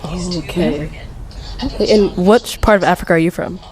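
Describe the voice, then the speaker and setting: A woman's voice: lowish voice, moderate pace, a little mellow, soft background music, rough recording. A woman conducting a street interview, asking light questions with a laugh.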